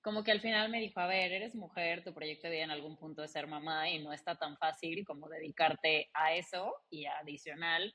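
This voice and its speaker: Her pitch is lowish and her Mexican accent comes from León, Guanajuato. She's the founder and CEO of a logistics company, appearing as a chatty interview guest who tells animated, casual anecdotes and quotes dialogue along the way.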